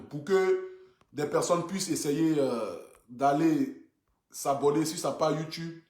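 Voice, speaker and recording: A man's voice: a little high, darkish tone, roomy sound. A man influencer talking casually on a phone livestream to his viewers, earnest and repetitive, with lots of filler words. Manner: earnest, repetitive, many fillers like "voilà" and "donc du coup". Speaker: social media influencer. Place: indoors, seated.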